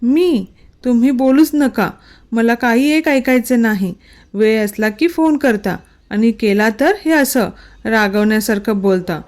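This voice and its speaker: A woman doing a sulky young wife, gets upset fast then pleads, kinda high voice. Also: a little mellow, lightly acted. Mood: annoyed. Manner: pleading, quick to anger. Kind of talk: storybook reading.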